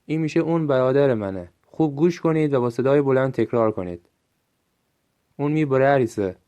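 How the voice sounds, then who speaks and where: A man with a Gilaki accent giving a recorded language lesson, saying short phrases slowly and clearly for listeners to repeat. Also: mid-range voice, warm tone. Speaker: language teacher.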